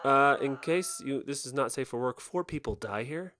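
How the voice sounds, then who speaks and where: A young man riffs through a casual podcast commentary, tossing out quick deadpan jokes. His voice is lively, leaping high and dropping low as he talks. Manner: joking, animated, quick deadpan gags. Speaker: podcast co-host. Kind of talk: casual commentary over festival video.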